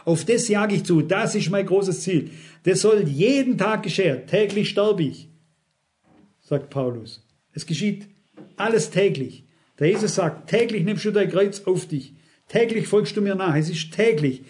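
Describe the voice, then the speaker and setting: The preacher, a middle-aged man, has a high, a little mellow voice with lively intonation and speaks a little slowly. Earnest and repetitive, he keeps putting direct questions to the congregation.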